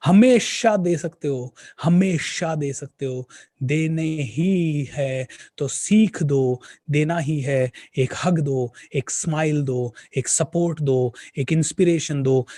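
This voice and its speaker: Mellow-voiced man telling a motivational story. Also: medium pitch, no room sound, clean studio sound. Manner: repetitive, directly addresses friends, mixes English words. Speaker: motivational speaker.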